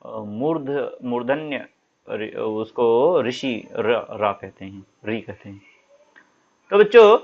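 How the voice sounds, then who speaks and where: A man's voice: on the high side, lo-fi sound. A man teaching Sanskrit grammar in a classroom style, patiently explaining and drawing out example sounds for students. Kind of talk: classroom lesson.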